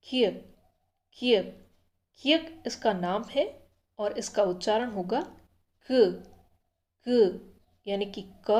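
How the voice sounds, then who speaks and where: A woman with a mellow, mid-range voice gives a slow, careful language lesson, patiently repeating each letter sound and explaining things step by step.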